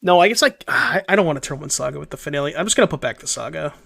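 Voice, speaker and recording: A young man with a fairly high, animated, rapid-fire voice, creaky and fairly bright, sounds stuffed up and a little worn out. He streams a card game, chatting casually, thinking aloud, reading his chat, and restarting sentences often in loose gameplay commentary.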